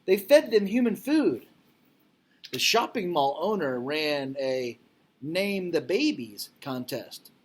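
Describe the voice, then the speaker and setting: With a slightly high, breathy voice, a man reads a picture book aloud to kids much as a teacher would. His delivery is deliberate and expressive, broken up by casual asides that explain things.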